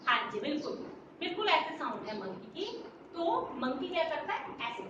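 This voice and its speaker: A woman's voice: sits high, big pitch swings, brisk. A woman, teaching a nursery class in a sing-song way, mixing Hindi and English and asking the children questions. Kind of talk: children's lesson. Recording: roomy, distant, dull, noisy.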